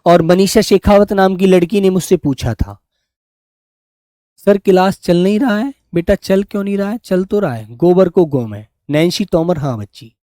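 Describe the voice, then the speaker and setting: A man's voice: sits high, lively intonation, normal speed, few pauses, warm tone, no room sound, clean studio sound. A man teaching a live online quiz class, coaxing his students and calling them "beta" as he goes through the answers.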